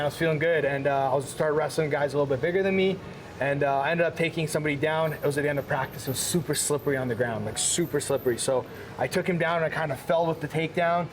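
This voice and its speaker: A man in his late twenties from Ukraine talks easily in a casual interview, tossing in "man" as he goes. His voice sits somewhat high for a man. Steady background noise runs behind him. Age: 20s. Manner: relaxed, chatty, says "man" often. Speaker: guest, fighter.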